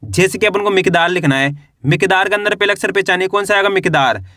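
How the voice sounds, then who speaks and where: Male reading tutor, high and bright, patient and repetitive, syllable by syllable, dry close recording. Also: no room sound. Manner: slow, drawn-out syllables, repeats each word as a question and answer. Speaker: Hindi reading teacher. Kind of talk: step-by-step spelling lesson.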